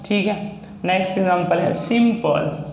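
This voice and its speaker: A man teaching a shorthand lesson, slowly and patiently spelling out each sound step by step. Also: high-pitched, vocal fry. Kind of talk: classroom-style lesson. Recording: echoey room with faint ambient noise.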